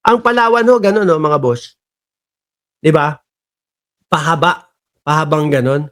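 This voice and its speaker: High-pitched man ranting to his viewers. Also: lively intonation, a little slow, a bit bright. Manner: mocking, chatty, addresses viewers as bosses and countrymen. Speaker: political commentary vlogger. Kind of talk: casual political commentary.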